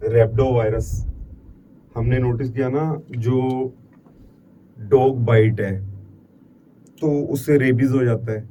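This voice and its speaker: Recorded from a distance with faint background noise, a middle-aged Indian-accented man lectures on biology in a warm voice of medium pitch. He mixes in English terms, keeps repeating important words, and answers his own questions.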